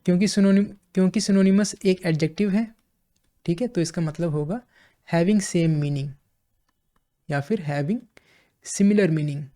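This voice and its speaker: Indian man teaching vocabulary, dark voice. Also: high voice. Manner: explains slowly, repeats phrases, mixes Hindi and English, asks "ठीक है". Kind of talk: classroom-style lesson explaining words.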